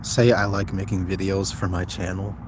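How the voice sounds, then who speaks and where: A young YouTuber live-streams with a casual, slangy manner, thinking aloud as he responds to viewers in English, his second language after Somali. His low voice has little pitch movement at normal speed, against a noisy background.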